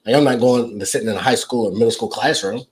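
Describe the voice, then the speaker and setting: A man's voice: medium pitch, quick pace. A young man co-hosting a casual couple's podcast, joking and teasing as he talks. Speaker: podcast co-host.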